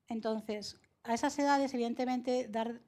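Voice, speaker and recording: Articulate woman psychologist, somewhat high. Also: steady tone, darkish tone. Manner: explanatory, measured, laughs often. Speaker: psychologist guest. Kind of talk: conversational interview answers.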